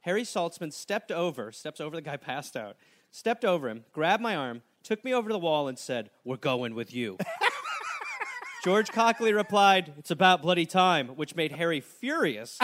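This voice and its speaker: On his comedy podcast, a man with a slightly high voice tells a story at a moderate pace. The host keeps it animated and full of jokes, breaking into silly put-on voices.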